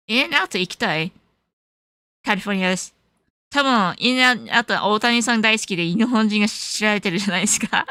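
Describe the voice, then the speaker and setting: A young woman from California hosts a stream, answering viewers casually, alternating Japanese and English, and laughing often. Her mid-range voice is bright and forceful, captured in a dry recording.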